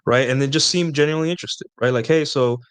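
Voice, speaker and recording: A man's voice: medium pitch, fast talker, fairly bright tone, clear, resonant tone. A man speaking in a casual, rambling way, giving dating advice to viewers and often checking in with "right?". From Latin America. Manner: rambling, conversational, frequent "right?" tag questions.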